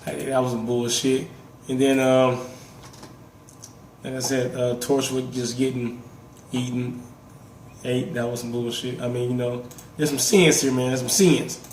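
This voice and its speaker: A man's voice: medium pitch, level tone, a little slow, pauses often. A man hosting a casual reaction video with a sick voice, talking in a loose, rambling way and swearing casually. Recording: roomy, distant mic, faint hiss.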